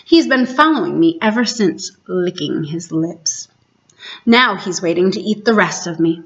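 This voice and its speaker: A woman's voice: on the low side, expressive, a little slow, lo-fi sound. A woman voicing a mean, vengeful storybook pirate captain haunted by fear, with grave old-fashioned diction. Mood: brooding, fearful.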